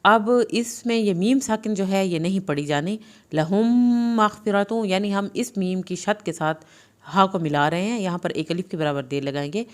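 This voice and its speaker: A woman with a low, smooth and resonant voice leads a tajweed lesson. She recites each phrase slowly, then explains each sound patiently, step by step. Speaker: Quran recitation teacher.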